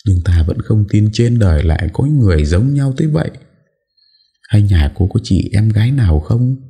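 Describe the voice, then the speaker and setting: A man's voice: lowish voice, lively intonation, moderate pace, creaky, mellow, slightly rough, voice pushed up, heavily acted. A man voicing an older woman, the overbearing mistress of a noble house, who scolds and wails. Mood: demanding. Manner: scolding, wailing.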